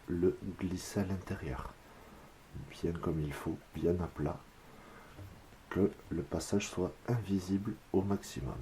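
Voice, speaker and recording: A man from France calmly explaining a craft step by step, counting his braiding moves aloud as he works. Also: low voice, a little hiss or hum. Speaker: whip-making instructor.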